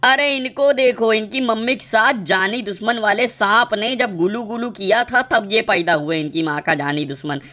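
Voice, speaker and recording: A man's voice: sits high, moderate pace, hardly any pauses, bright, forceful tone. A man giving live gameplay commentary, full of crude jokes, teasing and playful trash-talk. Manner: playful sing-song riffs. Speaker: gaming streamer.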